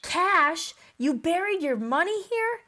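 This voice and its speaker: A chattering, forgetful fox squirrel with a high, bouncy storybook voice, as a woman reads it out. The voice swoops up and down with lively pitch, and she takes it slowly. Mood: excited.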